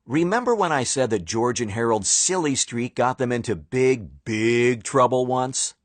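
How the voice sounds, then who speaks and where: Slow, animated male storyteller. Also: mid-range voice, no echo. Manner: animated, playful, with dramatic pauses. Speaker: narrator. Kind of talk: children's storybook reading.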